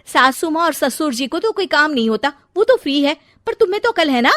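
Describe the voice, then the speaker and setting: A woman voicing a bossy, quick-tempered middle-aged mother-in-law in a cartoon, scolding loudly. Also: high-pitched, expressive, pitched above the performer's own voice. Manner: scolding, loud and domineering. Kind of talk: cartoon voice acting.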